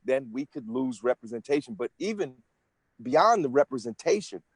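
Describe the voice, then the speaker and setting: A man in his sixties talks through his answers earnestly and at length, often restarting his sentences. His voice sits at an ordinary pitch, and the recording is dry and close. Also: sing-song, moderate pace, breathy edge, no echo. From United States. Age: 60s. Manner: earnest, explanatory, with frequent restarts. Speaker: interview guest, senate candidate. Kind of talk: conversational interview answers.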